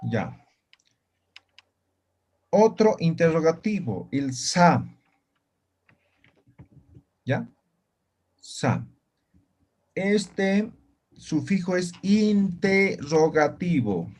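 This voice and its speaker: A male teacher leads an online lesson at a slow, careful pace. His voice sits a bit high, and he keeps stopping to ask whether everyone understands. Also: sing-song, a little mellow. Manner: slow, patient, keeps checking students understand. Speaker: language teacher. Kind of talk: online class lecture.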